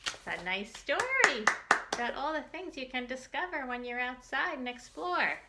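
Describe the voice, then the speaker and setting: A children's storytime host reads in a high, sing-song voice at normal speed, though the recording is very noisy. She uses simple phrases and asks her young listeners questions, slipping in asides along the way.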